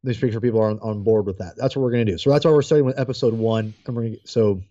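A man co-hosts a casual chat podcast, organizing the plan and sharing opinions in an easygoing way while chewing gummies. His voice is fairly low and warm, and he races along. The recording is muffled, with no echo.

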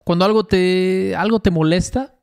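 A man's voice: high voice, fairly even intonation, moderate pace, vocal fry, a little mellow, smooth. A man from Veracruz with a Veracruz Mexican accent, co-hosting a podcast and casually explaining local slang, adding English glosses and frequent tag questions. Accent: Veracruz Mexican Spanish. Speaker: podcast co-host. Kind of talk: casual conversational language lesson.

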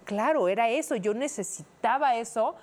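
A woman's voice: on the high side, lively intonation, moderate pace. Candid woman sharing her story. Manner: candid, reflective confession. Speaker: podcast co-host. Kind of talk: casual chat.

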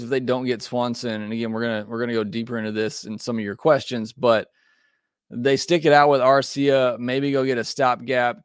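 A man's voice: medium pitch, clean tone, no echo, clean studio sound. A man hosting a baseball podcast, giving casual, opinionated takes with frequent fillers. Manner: conversational, opinionated, many fillers. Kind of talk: casual sports talk.

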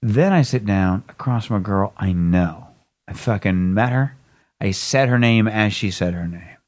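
A man telling a long, rambling, profane story in a casual chat, often mimicking other people in high squeaky voices. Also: lively intonation, a little slow, a little mellow.

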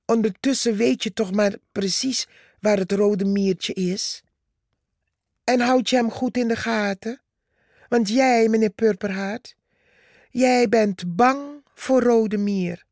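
A woman voicing a tiny, bold female red ant who stays calm and unimpressed, in a storybook reading. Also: fairly high pitch, slow pace, no room sound, studio quality. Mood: defiant.

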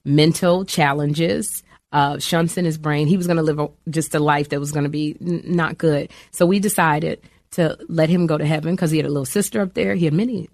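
Animated woman telling a heartfelt story. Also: low-pitched, a little fast, few pauses, dry recording, clean studio sound. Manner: emotional, animated storytelling with quoted voices. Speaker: guest. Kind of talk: candid faith conversation.

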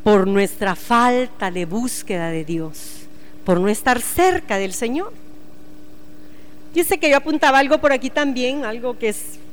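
A middle-aged woman, preaching a conversational sermon to a women's Bible study and acting out scenes with lively questions to the listeners. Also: on the high side. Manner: animated, asks the listeners questions and acts out scenes.

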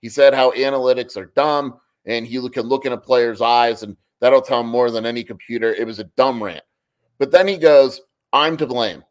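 A man's voice: mid-range voice, brisk. A man co-hosting a sports podcast in casual chat, pressing his opinions and leaning on "like" as he argues. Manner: opinionated, argues points with repeated "like". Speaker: podcast co-host.

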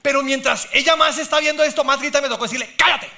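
A man's voice: extremely high pitch, fairly even intonation, quick pace, background noise. A man pastor preaching a sermon, mixing humor with scripture.

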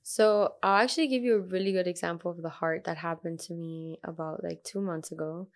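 A woman's voice: fairly low pitch, steady tone, fairly quick. A young adult woman, a sound healer guest, telling a story in casual chat, full of fillers and quoted asides.

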